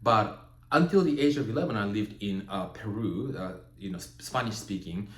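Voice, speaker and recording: A man from Japan whose first language is Japanese, giving a measured, reflective spiritual teaching talk and often checking in with "right?" and "you know". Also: lowish voice. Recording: roomy echo.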